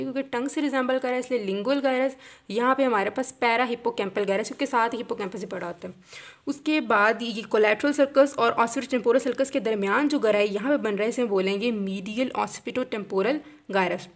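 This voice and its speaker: High, gravelly-voiced woman teaching anatomy. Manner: patient, repeats key terms, asks and answers own questions. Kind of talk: explaining while tracing a diagram.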